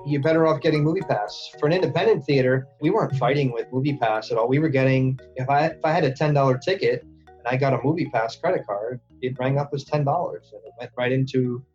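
A man's voice: mid-range voice, fast, darkish tone, dull audio, faint music behind. A man who owns an independent movie theater, talking casually and chattily in an interview, with fillers. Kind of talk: interview recollection.

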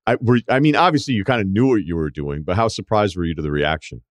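Very deep-voiced American man hosting sports talk. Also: lively intonation, fast, dry recording. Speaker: sports podcast host. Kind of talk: casual sports talk and ad reads.

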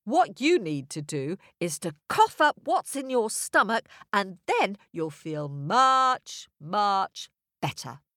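A woman voicing a boastful, hungry male trickster coyote in a storybook tale, bragging and excitable. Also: medium pitch, slow pace, hardly any pauses, dry recording, clean studio sound. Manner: cocky, excitable, brags.

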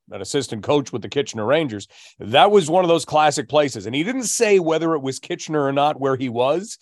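A man's voice: mid-range voice, no room sound, clean studio sound. A man co-hosting a hockey podcast, recounting games and anecdotes in a casual, storytelling way. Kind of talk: casual sports chat.

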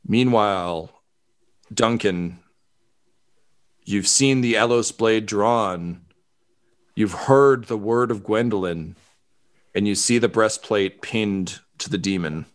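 A man narrating as game master of a tabletop game, relaxed, with lots of fillers and swearing. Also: fairly low pitch, slow pace, long pauses.

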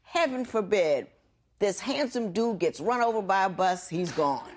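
A woman from Ohio, serving as the judge on a court show, questions the couple in front of her. Her voice is very animated, leaping up high whenever she gets excited. She keeps a firm, probing style. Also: unhurried. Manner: animated, expressive, swoops up high when excited.

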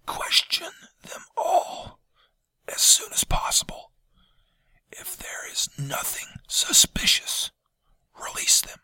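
A man voicing a wounded nobleman whose throat is torn, speaking in a hoarse, ragged whisper. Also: slow pace, long pauses, bright, forceful tone, no echo. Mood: grim.

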